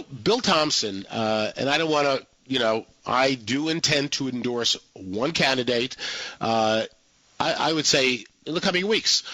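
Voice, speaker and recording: A man hosting a live political call-in radio show, with halting, repetitive phrasing. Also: mid-range voice, bright, forceful tone, no echo, poor audio. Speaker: radio talk show host.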